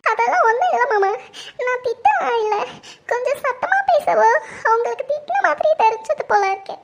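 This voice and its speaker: A woman's voice: very high voice, animated, normal speed. A woman playing a young wife who pleads tearfully with her husband about her mother-in-law. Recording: dull lo-fi recording.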